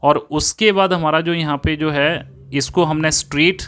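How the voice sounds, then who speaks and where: Guy teaching a poem lesson, repeats stuff a lot, reads lines real slow. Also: on the high side, steady tone, fairly bright tone, smooth. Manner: explains patiently, repeats phrases, reads English lines slowly. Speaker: English teacher. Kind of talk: classroom lesson explanation.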